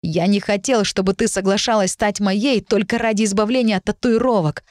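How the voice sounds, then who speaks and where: Woman reader doing earnest young prince, soft and halting, close and dry. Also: medium pitch, fairly even intonation, no room sound, close to an everyday voice. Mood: tender. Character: young man, a stubborn prince, gentle and earnest.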